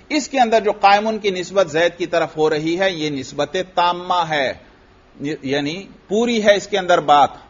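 A man with a high voice teaches a grammar lesson, putting questions to the class and answering them himself. He goes back over each point patiently. The recording is dull and lo-fi. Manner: repeats points for students. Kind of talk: Arabic grammar lesson in Urdu.

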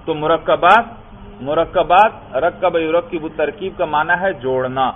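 Speaking Urdu at a fairly high pitch, a male teacher slowly reads out Arabic phrases and then explains their grammar to his class. "Brother" comes up often, as does his question of whether everyone understands. It was recorded with a tinny, phone-like quality and a little noise.

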